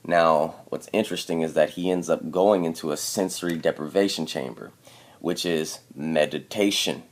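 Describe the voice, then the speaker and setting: A man's voice: extremely low pitch, normal speed. A man giving an explanatory commentary over clips, emphatic and constantly checking in with "okay?". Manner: emphatic, repeats "okay?" to press points. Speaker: video commentator.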